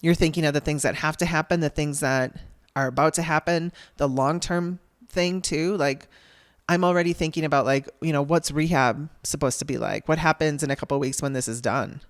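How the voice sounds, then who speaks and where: A woman's voice: low voice, brisk, no echo, clean studio sound. A woman podcast host telling a personal story in a candid, wry way, laughing through frustration and acting out the people she quotes.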